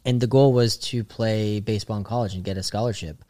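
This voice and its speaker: A young comedian from the Boston suburbs in the USA appears as a guest, telling stories in a rambling, casual chat full of filler words. His fairly low, mellow voice holds a steady tone and runs a little fast, with no echo.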